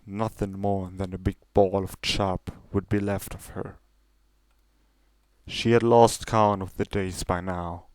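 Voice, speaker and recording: A man reads a scripted story for dramatic fiction in a fairly low, very smooth and clear voice that is a little mellow. The sound is close and dry.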